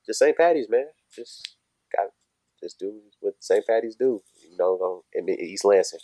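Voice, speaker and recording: A man's voice: lowish voice, expressive, normal speed, warm tone, dry recording. A young man guesting on a podcast, talking in a laid-back, slangy way. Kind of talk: casual chat.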